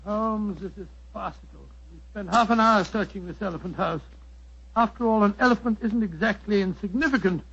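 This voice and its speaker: An actor playing a bewildered, blustering older British doctor, a detective's loyal companion, in 1940s radio style. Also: male voice, high-pitched, fairly quick, fairly bright tone, heavily acted. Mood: incredulous. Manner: gruff, blustery, exclaiming. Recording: dull vintage radio broadcast recording.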